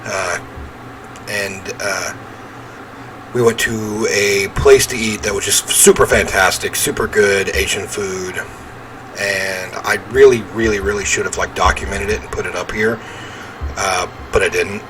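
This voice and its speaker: This man hosts a gaming video in a casual let's-play style, reading game text aloud and tossing in informal asides. His voice sits on the low side, with a steady tone and an unhurried pace, and there is noise behind him.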